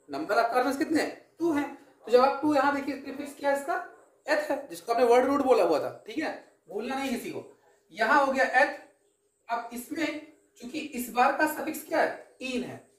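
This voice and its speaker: A woman with a fairly high voice gives a chemistry lesson. She explains patiently step by step, poses questions and answers them herself, and keeps checking that everyone follows. The room is echoey. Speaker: chemistry teacher. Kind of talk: classroom lecture.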